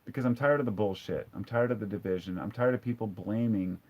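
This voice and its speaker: A man's voice: on the low side, fast talker, dull audio. A man hosting a casual live stream, reading viewer comments and answering them in a blunt, profane, sarcastic way. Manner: conversational, with frequent restarts.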